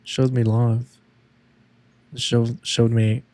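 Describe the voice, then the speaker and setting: A man co-hosting a faith podcast, talking in a halting, reflective way about his own struggles. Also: mid-range voice, little pitch movement, warm tone, no echo. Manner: slow, reflective, halting, with frequent "yeah" backchannels. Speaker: podcast co-host. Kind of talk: casual faith talk.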